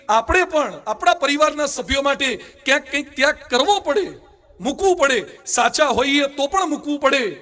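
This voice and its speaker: A man's voice: extremely high pitch, sharp tone. A man with a Gujarati accent, a monk giving a sermon, telling anecdotes and acting out the people in them. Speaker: Swaminarayan monk preacher.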